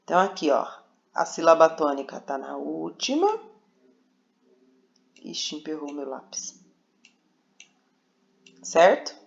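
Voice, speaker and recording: A woman teacher giving a recorded remote lesson to young pupils, patient and coaxing, spelling out syllables slowly. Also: deep voice, creaky. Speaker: primary school teacher. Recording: dull lo-fi home recording.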